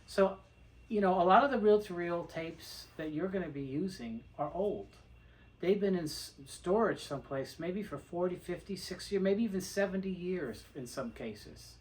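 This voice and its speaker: A man with a high-pitched voice, lively intonation and moderate pace presents an informal how-to video on restoring tape reels. He explains each step methodically and plainly, and the recording quality is low.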